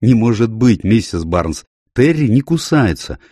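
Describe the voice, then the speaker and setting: A man's voice: lowish voice, very animated, a little slow, warm tone, dry recording, clean studio sound, voice pushed up. A man voicing a weary, tender young woman who speaks in an affectionate, pleading way.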